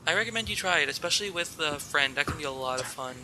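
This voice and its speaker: A man's voice: a little high, lively intonation, fast, a crowd in the background. A young man hosting a casual gaming podcast, upbeat and chatty. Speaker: podcast host.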